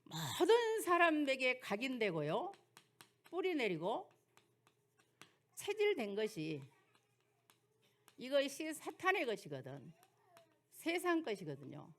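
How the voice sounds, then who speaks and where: A woman's voice: high voice, wildly swooping pitch, takes it slowly, long pauses. An older woman pastor with a Jeolla accent, preaching through folksy personal stories and rhetorical questions. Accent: Jeolla dialect. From Jeolla, South Korea. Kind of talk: sermon lecture with personal stories.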